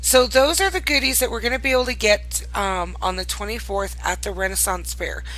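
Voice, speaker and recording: A woman's voice: mid-range voice, fairly quick, fairly bright tone, low-quality recording. A tired woman hosting a casual showcase of items in a game world, talking in a fond, gushing manner. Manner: gushing, fond of cute things. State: tired late at night. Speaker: host presenting new items in a virtual game world.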